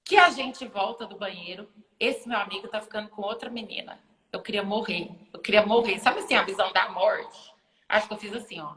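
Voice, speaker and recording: A woman, a lawyer and university lecturer, chatting casually in a live video stream. She tells her story with animation and acts out other people's lines with big leaps in pitch. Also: brisk, bright, forceful tone. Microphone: phone or laptop live stream. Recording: echoey room with long reverb.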